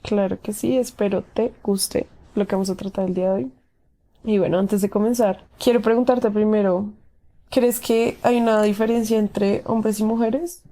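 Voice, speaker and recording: A woman's voice: mid-range voice, steady tone, normal speed, dark tone. A young woman with a cold hosting a podcast, talking steadily through prepared points and then interviewing a guest. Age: young adult. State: has a cold. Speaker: podcast host, psychology student. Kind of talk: scripted podcast monologue and interview.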